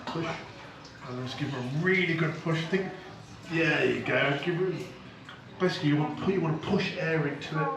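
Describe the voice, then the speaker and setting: A man's voice: on the high side, a little fast, creaky. Man, casual cooking teacher, patient, repetitive instructions, very reverberant space, noisy background. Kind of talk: casual hands-on cooking demonstration. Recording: very echoey, distant mic, noisy surroundings.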